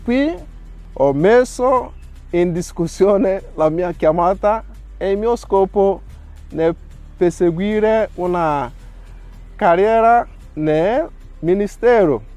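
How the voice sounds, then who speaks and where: Man, priest, 30s, slightly high voice, very slow, earnest testimony. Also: mellow, dry recording, soft background music. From Nigeria. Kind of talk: reading a prepared testimony.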